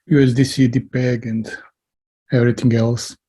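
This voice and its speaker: A man from Serbia joins a group video call, talking in a relaxed, slightly hesitant way. His voice is warm and mellow. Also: medium pitch, moderate pace, breathy edge. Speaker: guest. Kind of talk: casual group chat.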